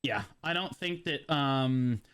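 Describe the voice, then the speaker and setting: A man's voice: mid-range voice, slow, fairly bright tone, clear, resonant tone. A man hosting a casual gaming podcast, rambling and swearing freely with lots of fillers. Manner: rambling, loose and profane, many fillers. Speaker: podcast host.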